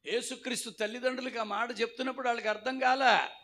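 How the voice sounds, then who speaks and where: A male pastor preaching a sermon with animated storytelling, acting out the voices of the people in it. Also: very high-pitched, fast talker.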